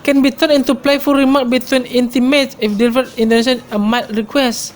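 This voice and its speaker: A man's voice: very high voice, little pitch movement, brisk. A man giving an explanatory lecture, thinking aloud with frequent fillers and reading English passages aloud.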